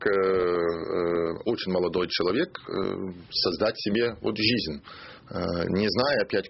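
Captured in a muffled radio studio recording with a bit of hiss or hum, a hesitant Australian man with a low, creaky voice speaks as an ambassador in the studio. He answers the interview in his second language, stopping to search for words.

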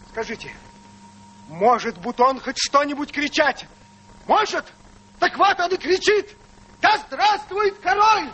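An actor playing a fussy, devoted longtime servant on stage, nervous and fawning, with shrill cries. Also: male voice, pushed and bright, heavily acted, low-quality recording. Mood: flustered. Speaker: supporting actor in a stage play. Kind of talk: theatrical stage acting.

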